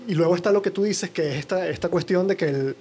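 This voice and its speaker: A man's voice: high-pitched, quick pace, darkish tone. A man interviewing casually, rephrasing his questions informally as he goes.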